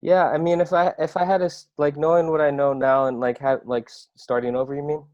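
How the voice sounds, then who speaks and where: A man's voice: a little high, little pitch movement, brisk, a little mellow, no room sound, muffled recording. A young man from Iowa talking casually as a podcast guest, loose and rambling, full of "I mean" and "right?". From Iowa, USA. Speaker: podcast guest, marketing agency owner. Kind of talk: casual interview talk.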